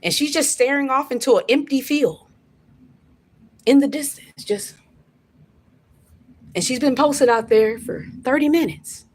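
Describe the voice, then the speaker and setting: A woman's voice: high-pitched, measured pace, long pauses. A woman from Florida, ranting casually and profanely on a home livestream, rambling and talking straight to her chat. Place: at home by a window.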